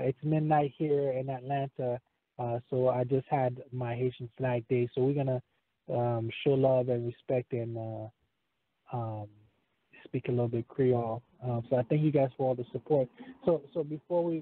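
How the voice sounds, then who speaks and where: A man's voice: medium pitch, no room sound. A male podcast host speaks hesitantly, with many fillers and restarts, in a middle-range voice. He sounds tinny and narrow, as if on a phone line. The sound is dry and close. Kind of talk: hosting an interview.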